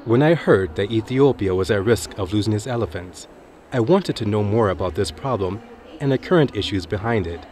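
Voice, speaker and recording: A man's voice: fairly low pitch, animated, brisk, darkish tone. A man reading scripted narration for a nature documentary. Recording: music behind the voice. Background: background music.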